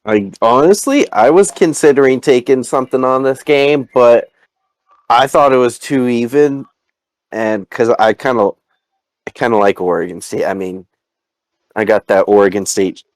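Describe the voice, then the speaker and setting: A man's voice: medium pitch, normal speed, dry recording. A man co-hosting a sports betting podcast, chatting casually with dry teasing and short replies. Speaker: podcast co-host.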